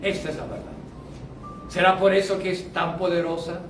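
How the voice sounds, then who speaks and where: A man with a high, light voice preaches from the pulpit. He stretches his key lines slowly and loudly, then drops to low, muttered asides. The sound is roomy and heard from some distance, with faint hall ambience behind him. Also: fairly even intonation, a little hiss or hum. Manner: emphatic preaching with sharp swings from loud to low. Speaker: pastor. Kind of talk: sermon. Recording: echoey hall, mic at a distance.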